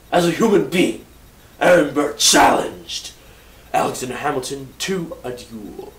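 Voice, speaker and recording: Brief: man, slightly high voice, very animated, playful history teller with theatrical outbursts and jokey self-corrections. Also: a little hiss or hum, low-quality recording. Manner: playful, theatrical storytelling with sudden loud bursts. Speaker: history presenter. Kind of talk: casual history lesson.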